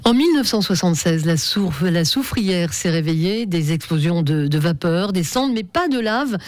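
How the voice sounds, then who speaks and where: A female news presenter reading scripted news copy crisply. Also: on the low side, animated, moderate pace.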